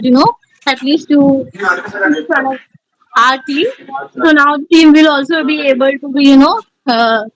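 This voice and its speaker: High-voiced Indian woman trainer. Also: low-quality recording. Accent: Indian English. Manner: encouraging, filler-heavy with many "you know". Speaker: communication skills trainer. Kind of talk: online class feedback.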